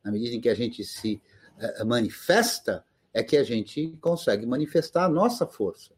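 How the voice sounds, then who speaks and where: A man's voice: medium pitch, expressive, moderate pace, breathy edge. A man speaking as a guest panelist in an emphatic, impassioned way. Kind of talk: casual live-stream discussion.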